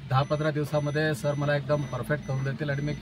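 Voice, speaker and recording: A man's voice: fairly high pitch, monotone, fast, soft background music. A man, a learner driver, talking hesitantly with many fillers about his lessons. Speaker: driving student, senior journalist. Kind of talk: casual chat. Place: inside a car on a city street.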